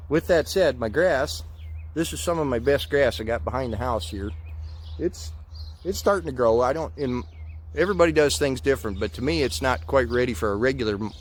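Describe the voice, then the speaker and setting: A man's voice: medium pitch, normal speed, pauses often. An American man in his thirties chatting casually to camera outdoors in a folksy, hesitant, rambling way, his speech slightly muffled by a lip full of dip. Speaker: vlogger. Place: outdoors in a farmyard. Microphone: camera or phone at about arm's length. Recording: outdoor ambient noise.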